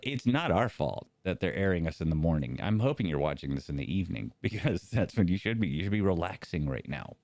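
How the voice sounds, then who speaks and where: A man's voice: sits low, big pitch swings, fairly quick, few pauses, a little mellow, no room sound. A man with a slight lisp co-hosting a casual chat show, rambling and joking. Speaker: co-host.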